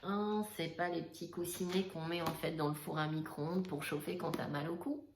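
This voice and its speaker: A man's voice: a little high, fairly even intonation, normal speed, echoey room, background noise, voice pushed up, lightly acted. A man voicing a naive, dramatic young woman posting online, in an exaggerated whiny complaining tone.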